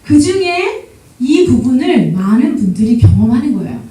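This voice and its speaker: A woman with a high but mellow voice gives a church seminar talk as a guest lecturer. She tells stories with lively energy, laughing and acting out little exchanges. She sounds far from the mic in a very echoey church hall. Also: normal speed. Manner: lively storytelling, often laughing and acting out quotes.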